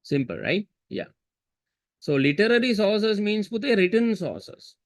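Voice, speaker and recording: A man's voice: high voice, very animated, measured pace, no echo. A man teaching a history seminar over a video call, repeating key terms and quizzing students with chatty asides. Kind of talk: online seminar lesson. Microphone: computer mic on video call.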